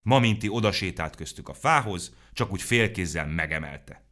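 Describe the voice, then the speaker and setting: A man reading a children's story aloud in a playful, animated way. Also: deep voice.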